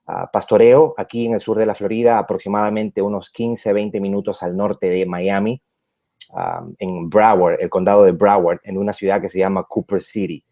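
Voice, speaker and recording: A middle-aged man from Peru, a pastor talking in a radio interview, often pausing with fillers and restarting his words. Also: fairly low pitch, flat delivery, mellow. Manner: hesitant, many fillers and restarts.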